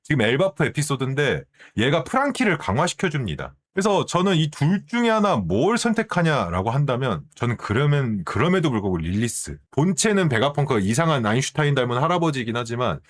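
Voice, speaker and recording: A man streaming, chatting casually in an animated way and often asking his viewers questions. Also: mid-range voice, a little fast, few pauses. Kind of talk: casual commentary.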